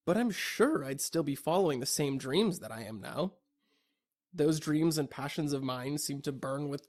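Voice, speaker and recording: A young adult man narrates an audio log, delivering a scripted personal monologue in a somewhat high voice. His tone is reflective, introspective, deliberate and earnest.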